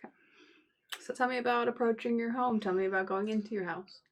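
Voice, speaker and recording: A woman's voice: fairly high pitch, fairly even intonation, fast. A woman narrating as game master of a tabletop game, loose and conversational.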